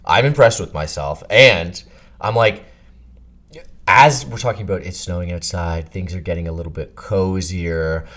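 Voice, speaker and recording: Deep-voiced young man, chatty podcast co-host. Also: moderate pace. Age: 20s. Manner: animated, rambling with fillers. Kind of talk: casual chat.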